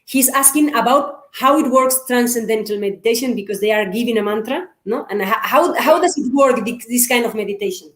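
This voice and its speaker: A woman hosting an interview who summarizes and translates the guest's answers clearly. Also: a little high, moderate pace, hardly any pauses. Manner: summarizing clearly, switching between English and Spanish. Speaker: host and interpreter. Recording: roomy echo.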